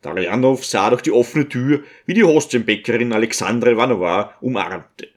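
A man reading a classic novel aloud as an audiobook narrator, in a measured, even storytelling manner. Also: medium pitch. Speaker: audiobook reader. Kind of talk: scripted narration.

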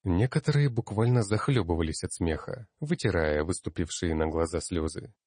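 A man's voice: low-pitched, lively intonation, normal speed, darkish tone, husky, dry recording, clean studio sound. A man narrating a fantasy audiobook in the first person, reading expressively with emphasis.

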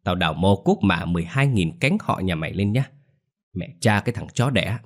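A man's voice: deep voice, expressive, brisk. Man putting on a ghoulish cursing old granny. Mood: raging curses. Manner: screaming curses, snarling. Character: ravenous foul-mouthed old grandmother, possessed and ghoulish.

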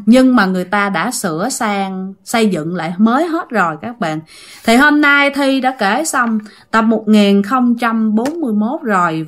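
A storytelling podcast host with a Southern Vietnamese accent narrates ghost stories casually, chatting and addressing her listeners directly. Her voice is mid-range and a bit bright.

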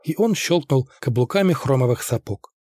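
A man narrating an audiobook in a steady, even way. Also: medium pitch, moderate pace, no echo, clean studio sound.

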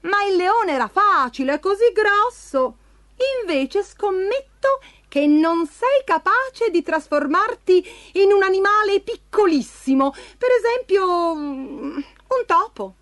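A woman voicing a sly, scheming male cat in boots in a storybook reading, with a high, hissing, wheedling delivery. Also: expressive, slow, fairly bright tone, no echo, full character voice. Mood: coaxing.

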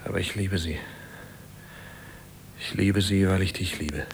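A tender husband speaks to his sick wife in hushed tones in a German radio play. His voice is extremely low, with a faint rumble in the background. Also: steady tone, brisk, vocal fry. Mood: gentle. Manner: gentle, hushed, often whispered. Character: devoted husband caring for his dying wife.

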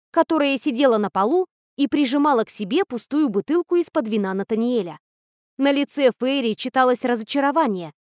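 A woman reads a first-person story aloud with expressive, lively storytelling. Her voice sits high, and the recording is close and completely dry. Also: no room sound. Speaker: audiobook narrator. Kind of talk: first-person audiobook narration.

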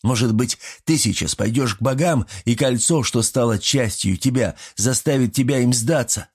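A man's voice: medium pitch, darkish tone, husky, pitched above the performer's own voice. A man voicing a cheeky, pushy little male gremlin who scolds and argues in an audiobook. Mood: badgering. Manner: bossy, scolding, quick to argue. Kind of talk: audiobook character voice.

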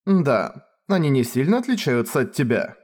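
A man's voice: medium pitch, sing-song, normal speed, a little mellow. A man voicing a young swordswoman who teases her companion with dry, mocking accusations.

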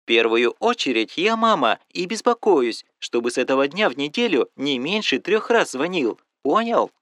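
Man voicing a middle-aged mother, audiobook, fussy, nosy, slightly high voice, very lively pitch. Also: moderate pace, no room sound, clean studio sound. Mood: fussing. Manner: fussy, coaxing, keeps asking questions. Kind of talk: audiobook dialogue.

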